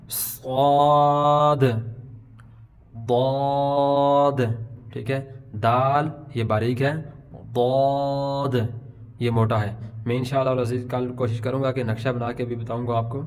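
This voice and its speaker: A middle-aged man teaches letter sounds to beginners at an ordinary mid pitch. He explains patiently and slowly stretches each example letter so learners can copy it. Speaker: Quran pronunciation teacher. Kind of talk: Urdu alphabet lesson.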